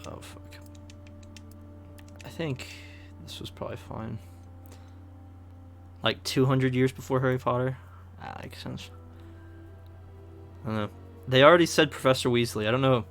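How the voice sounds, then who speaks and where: A man's voice: mid-range voice, fairly even intonation, moderate pace, creaky, pauses often, soft background music. A man streaming a video game, talking in a laid-back, joking way and chatting with viewers. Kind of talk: casual gameplay commentary.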